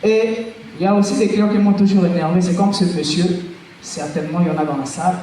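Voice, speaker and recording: A man doing a stand-up comedy routine on a festival stage, telling animated stories and often shouting his punchlines. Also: high voice, fast, slight background noise. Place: festival stage before a live audience. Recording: echoey hall recording from far off.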